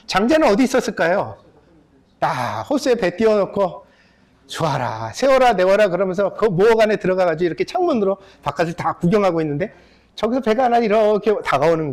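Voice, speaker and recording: A male pastor in his fifties preaching a story-filled sermon, speaking straight to his congregation. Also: high voice. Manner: animated, addresses the congregation directly, acts out characters. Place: church sanctuary.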